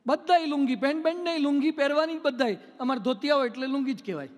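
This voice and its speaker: High-voiced monk preaching in a hall. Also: male voice, quick pace. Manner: storytelling, playful, mimics people. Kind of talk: humorous sermon with anecdotes. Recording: long hall reverb.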